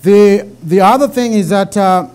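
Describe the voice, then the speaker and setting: Here the deep-accented Zimbabwean teacher, a middle-aged man, talks a little slowly and a little mellow. He runs his Bible class conversationally, frequently repeating words as his thoughts form.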